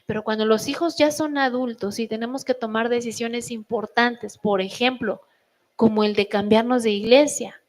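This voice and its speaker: A middle-aged woman with a Mexican Spanish accent preaching a sermon, telling stories with quoted voices. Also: on the high side. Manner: animated storytelling with quoted voices.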